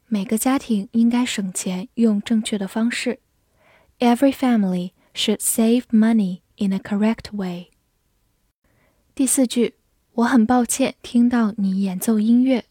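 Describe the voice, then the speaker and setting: A woman teacher in a slow vocabulary drill. She says each English word twice, then reads out its meanings calmly. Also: medium pitch, no echo, clean studio sound.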